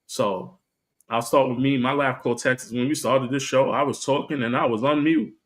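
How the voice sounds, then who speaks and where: A man's voice: mid-range voice, moderate pace. A man hosting an online panel, upbeat and encouraging with his guests. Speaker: host. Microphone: video call.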